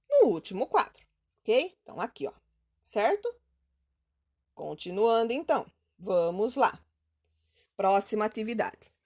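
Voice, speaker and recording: A Brazilian woman teacher giving a recorded lesson to children, speaking slowly and clearly and checking in with questions. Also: high voice. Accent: Brazilian Portuguese. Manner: slow, clear, prompting with questions and "ok?".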